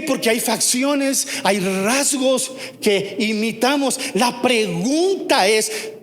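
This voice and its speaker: A man with a Mexican Spanish accent preaching a sermon as pastor, emphatic and full of rhetorical questions, swinging from soft and low to loud and high. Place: church hall. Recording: long hall reverb.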